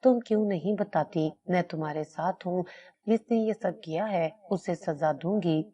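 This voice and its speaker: A woman's voice: on the low side, dark tone, natural voice. Woman reading a worried mother. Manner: pleading, then stern. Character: anxious mother guarding a secret.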